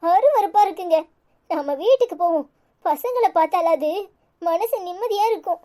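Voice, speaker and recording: An anxious young wife from a Tamil cartoon serial, played by a woman, indignant and protective, with a Tirunelveli accent. Her voice is extremely high and piping. She urges and pleads in quick bursts. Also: animated, warm tone. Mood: upset.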